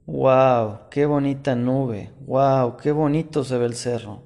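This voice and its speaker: A man voicing a young craftsman who speaks in an earnest, softly wondering way. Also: medium pitch, takes it slowly, vocal fry.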